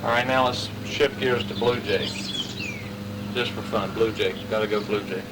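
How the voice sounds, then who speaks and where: A man's voice: on the low side, fairly even intonation, moderate pace. A man interviewing informally, chiming in with brief prompts and echoing what he hears. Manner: brief prompts, echoes the speaker. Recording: distant mic, loud outdoor traffic noise.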